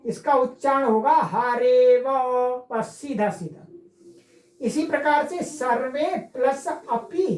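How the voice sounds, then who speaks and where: A woman's voice: high voice, reverberant, poor audio. A woman teaching Sanskrit grammar, explaining step by step and asking and answering her own questions. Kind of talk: classroom lecture.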